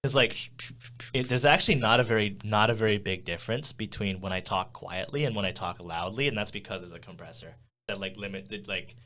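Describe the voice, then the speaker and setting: Speaking a bit quickly in a fairly low, sharp-toned voice, this young male podcast co-host chats casually in a small studio. His talk wanders, full of fillers and laughs, and it's picked up by a studio condenser mic.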